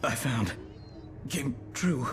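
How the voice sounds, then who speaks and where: A man's voice: medium pitch, lively intonation, slow, music in the background. An actor playing a badly wounded, terrified man in a video game, weak with pain and pleading in desperate cries. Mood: weak, frightened. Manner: desperate cries, straining and gasping.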